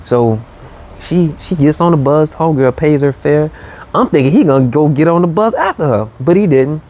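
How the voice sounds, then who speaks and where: A man hosting a late-night show, telling a story in a relaxed, easygoing way, with lots of "you know" and "man". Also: fairly high pitch, normal speed. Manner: laid-back, drawling, full of "you know" and "man". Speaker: host.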